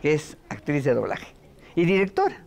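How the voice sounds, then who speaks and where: A woman's voice: deep voice, moderate pace, gravelly. Older Mexican woman telling stories. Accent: Mexican Spanish. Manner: lively storytelling with playful voice imitations. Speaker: voice actress and dubbing director. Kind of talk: casual interview chat.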